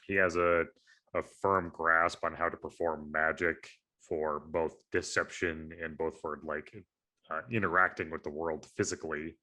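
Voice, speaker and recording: A man's voice: rumbling low, little pitch movement, moderate pace, pushed and bright. A man co-hosting a podcast in casual chat, analytical and rambling, with many fillers and restarts. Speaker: podcast co-host.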